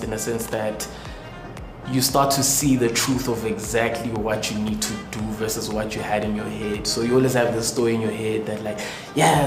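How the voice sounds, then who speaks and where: A man speaks with animated energy about developing his script. His voice sits mid-range. Echo hangs on the voice, and clear music plays behind him. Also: mid-range voice. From Soweto, South Africa. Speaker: youth filmmaker in the program. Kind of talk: documentary interview. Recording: echoey room with music behind.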